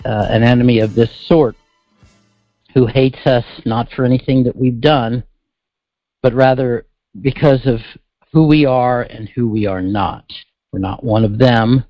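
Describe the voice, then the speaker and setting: Male radio monologist, mid-pitched, thick-tongued and slurred, halting delivery with folksy asides to the audience. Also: fairly even intonation, no room sound, dull audio, faint music behind. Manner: halting, with frequent pauses and folksy asides to listeners. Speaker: host of a political broadcast. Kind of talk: solo talk-show monologue.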